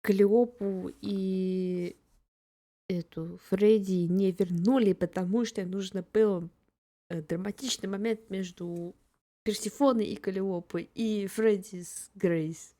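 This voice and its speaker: A woman's voice: mid-range voice, steady tone, a little slow, warm tone. A woman casually commenting on a game live for her chat, in the gushing, giggly manner of a fan. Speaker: game streamer.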